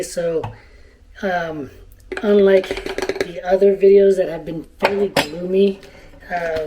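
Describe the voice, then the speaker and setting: A woman's voice: fairly low pitch, noisy background. A woman chatting casually to camera as a vlogger, in a tentative, loosely rambling way. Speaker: running vlogger.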